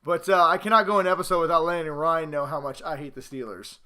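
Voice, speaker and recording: A man with a high-pitched, forceful, bright voice hosts a casual sports show. He talks in an animated, sarcastic way and slips into mock-exasperated rants as he gives his commentary. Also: quick pace, clear, resonant tone. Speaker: host of a sports picks show.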